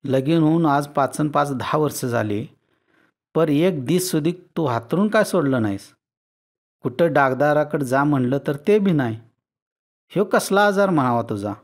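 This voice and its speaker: Man voicing a tired, grumbling village husband, raised pitch, loud rustic talk. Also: expressive, normal speed, lightly acted. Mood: exasperated. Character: rural village husband, weary, grumbling yet soft-hearted.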